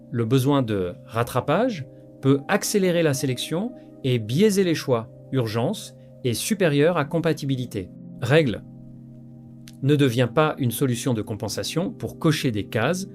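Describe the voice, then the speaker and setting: A man narrates in clipped, terse statements that sound like rules, his pitch moving a lot. Faint guitar plays behind him. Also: a little mellow. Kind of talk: analytical voice-over. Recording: voice-over with faint guitar music.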